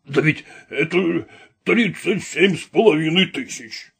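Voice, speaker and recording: A man's voice: on the high side, unhurried, vocal fry, fairly bright tone, slightly rough, exaggerated voice. A man reading an audiobook, voicing a flustered, stingy older nobleman who haggles and stammers. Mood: sullen. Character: fussy elderly male nobleman, flustered and stingy.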